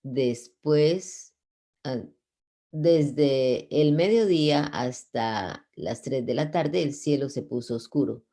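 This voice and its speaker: A man reads scripture aloud in a mellow, gravelly voice. He stumbles over words at times and goes back to correct himself, keeping a plain, unhurried tone. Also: medium pitch. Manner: unpolished reading with slips and self-corrections. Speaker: Bible reader.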